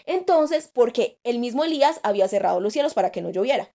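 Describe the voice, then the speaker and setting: A woman delivers a sermon in a high voice. She speaks earnestly and repeats her key phrases for emphasis. The recording is dull and lo-fi. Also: expressive, fast, warm tone. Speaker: preacher.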